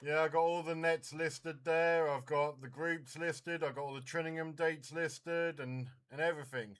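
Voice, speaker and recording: A man with a fairly high, slightly bright voice hosts a casual CB radio net, which he also runs as a live stream controller. He chats in a friendly, informal way at a moderate pace with fairly even intonation. The live stream is very noisy.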